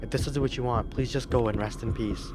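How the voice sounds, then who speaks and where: A man's voice: medium pitch, steady tone, fast talker, background noise, natural voice. A man reading out game dialogue as a terrified young woman who begs a ghost to leave her alone, her voice trembling. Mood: pleading, frightened. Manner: trembling, begging.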